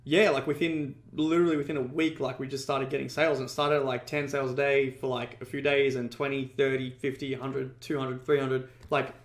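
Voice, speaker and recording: A man's voice: medium pitch, little pitch movement, fairly quick, few pauses, echoey room. A man guest in a casual interview, telling a long story with heavy fillers and frequent swearing. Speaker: podcast guest, ecommerce entrepreneur.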